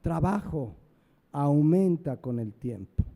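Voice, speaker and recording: A man's voice: a little high, expressive, takes it slowly, vocal fry, dark tone. A man preaching a sermon as pastor. He asks the congregation questions and answers them himself, stressing words one by one.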